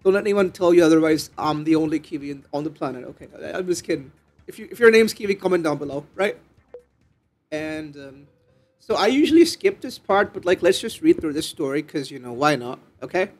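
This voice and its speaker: A man's voice: a little high, lively intonation, brisk, a little mellow. A man hosting a casual let's-play, rambling and joking with many fillers. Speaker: gaming channel host.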